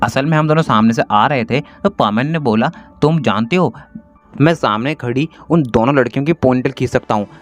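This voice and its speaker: A man voicing a bossy, sharp-tongued young girl in a storybook retelling. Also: mid-range voice, lo-fi sound, soft background music, close to an everyday voice. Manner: bossy and quick to scold.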